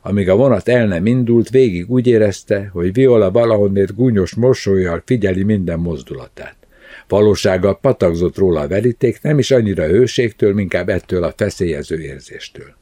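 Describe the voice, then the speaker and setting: Man, very low pitch, dark mellow tone, dry close sound, calm audiobook narration. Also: no echo.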